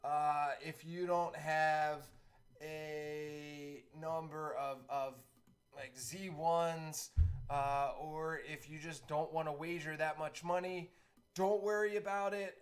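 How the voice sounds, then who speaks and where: A man streaming online who chats in a relaxed way, full of fillers, and calls horse races, building up to shouting at the finish. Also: a little high. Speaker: streamer and race caller. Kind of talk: live-stream chat and horse race commentary.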